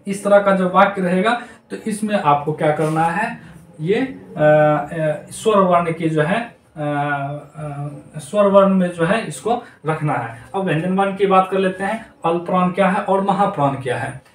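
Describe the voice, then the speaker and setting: A man teaching children in a high voice, saying each term again and again so it sticks. He sounds set back from the mic in a room that rings with echo, and faint noise sits behind him. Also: a little slow, far from the mic. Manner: repetitive, drills terms aloud. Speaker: Hindi grammar teacher. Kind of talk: classroom lesson to children. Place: noisy room.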